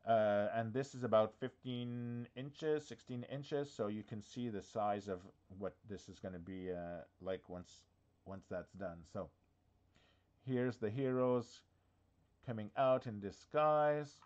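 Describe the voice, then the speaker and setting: A man's voice: lowish voice, slow pace, darkish tone, highs cut off. A man hosting a casual live walkthrough from his office, talking in a chatty, hesitant way full of fillers and restarts, with the hiccups. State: has the hiccups. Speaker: diorama workshop host.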